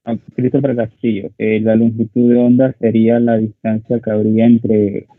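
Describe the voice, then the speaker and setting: Hesitant student on a tinny line. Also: male voice, fairly low pitch, monotone, moderate pace, no room sound. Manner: hesitant, fillers while answering. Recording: tinny dry phone-like call line.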